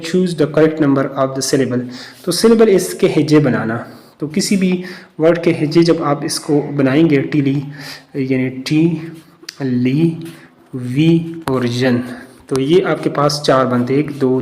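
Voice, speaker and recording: A man going through exam answers as a test prep teacher, explaining step by step with many pauses. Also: a little high, darkish tone. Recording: echoey room.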